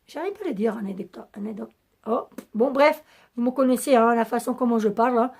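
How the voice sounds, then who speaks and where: Brief: woman vlogger, raspy and a bit hoarse, slightly high voice, rambling casual chat. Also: brisk, darkish tone. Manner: rambling and chatty, many hesitations. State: losing her voice. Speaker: beauty vlogger.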